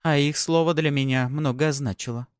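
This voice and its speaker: A man's voice: a little high, steady tone, moderate pace, no room sound, clean studio sound, voice pushed up, natural voice. A man voicing a haughty, teasing noblewoman in an audiobook, commanding and mock-sweet. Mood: imperious. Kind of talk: audiobook character voice.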